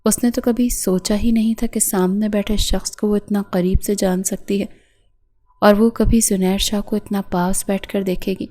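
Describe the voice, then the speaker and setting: A woman narrating a romantic novel in a soft, unhurried reading voice. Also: medium pitch, fairly even intonation. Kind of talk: scripted narration.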